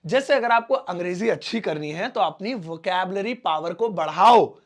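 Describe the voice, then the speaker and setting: A man teaching a spoken English lesson, explaining slowly and repeating each word with everyday examples. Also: sits high, lively intonation.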